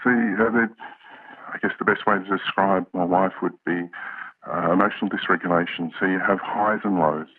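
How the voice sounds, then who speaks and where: A man with an electronically altered, disguised deep voice, speaking hesitantly as an interviewee on a radio program. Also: fairly even intonation, dry recording. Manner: hesitant, halting, many pauses. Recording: narrow, phone-like altered audio.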